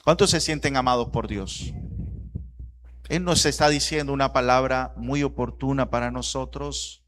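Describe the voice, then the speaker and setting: Impassioned pastor preaching. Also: male voice, medium pitch, normal speed. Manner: swings from soft reflective lines to loud, rising repetition. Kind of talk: sermon.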